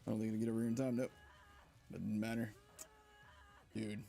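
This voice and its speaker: A man streaming gameplay live, excitedly commenting, laughing often and talking to his viewers. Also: fairly low pitch, fairly quick, creaky. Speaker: game streamer.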